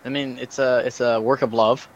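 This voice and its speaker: A man co-hosting a casual podcast, dry and teasing, tossing in profanity. He talks at a middle pitch for a man. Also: flat delivery, moderate pace, muffled recording. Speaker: podcast co-host. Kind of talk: casual chat.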